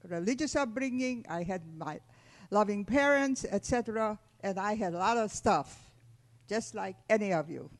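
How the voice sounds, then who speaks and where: A woman in her eighties from Hungary, speaking, gives a measured, deliberate testimony talk to a school audience. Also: a little high. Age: 80s. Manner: measured, deliberate, addressing children directly. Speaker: Holocaust survivor speaking to students.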